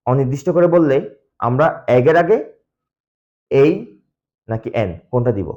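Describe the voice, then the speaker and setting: A man's voice: medium pitch, moderate pace, darkish tone, lo-fi sound. A man who speaks Bengali natively, teaching English grammar step by step and answering his own questions. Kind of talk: explaining grammar lesson.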